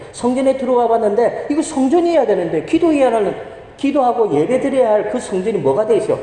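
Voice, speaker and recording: A male pastor preaches in a high, lively voice that swoops up and down, with a mellow, warm tone. He throws question after question at the congregation and then answers them. The sound carries a heavy, long church reverb. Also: slight background noise. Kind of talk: sermon. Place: church sanctuary.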